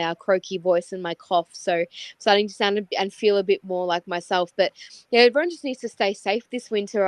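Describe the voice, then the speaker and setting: A woman's voice: mid-range voice, no echo, low-quality recording. A woman with an Australian accent, a guest chatting casually about football on a podcast. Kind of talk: casual footy chat.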